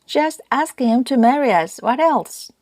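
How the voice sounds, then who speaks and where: A woman's voice: medium pitch, normal speed, warm tone, no room sound, clean studio sound, pitched above the performer's own voice, close to an everyday voice. A woman reading an audiobook voicing a blunt, impatient teenage farm girl with fierce muttered retorts.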